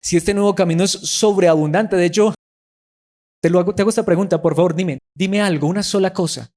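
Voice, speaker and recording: Emphatic preaching man, a bit high. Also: fairly quick, a little mellow. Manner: emphatic, asks the congregation rhetorical questions; repeats words for stress, addresses listeners as brothers. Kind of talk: sermon.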